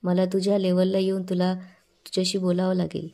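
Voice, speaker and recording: A woman's voice: fairly low pitch, completely flat delivery, fairly quick, warm tone, lightly acted. A woman voicing a sly older man who teases a girl and warns her to keep his secret.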